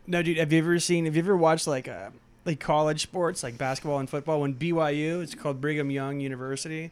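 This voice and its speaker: A man's voice: a little high, steady tone, fast talker, clear, resonant tone. A young man co-hosting a casual podcast, rambling with lots of fillers. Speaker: podcast co-host. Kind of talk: casual chat.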